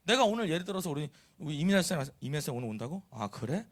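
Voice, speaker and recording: A man delivers a sermon in a church with real animation, slipping into quoted voices and teasing remarks. His voice sits high for a man and swings widely in pitch. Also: lively intonation, racing. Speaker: pastor. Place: church sanctuary.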